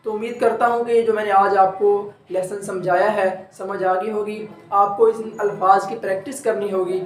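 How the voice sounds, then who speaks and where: A man's voice: sits high, level tone, normal speed, reverberant, a little hiss or hum. A man teaching a recorded tajweed lesson, explaining step by step and drawing out each sound to demonstrate it. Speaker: Quran recitation teacher.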